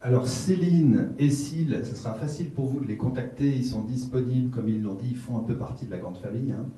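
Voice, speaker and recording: A man's voice: mid-range voice, dark tone. Man moderating in an echoey room. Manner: brisk, time-conscious. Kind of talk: moderating a panel. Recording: echoey room, mic far off.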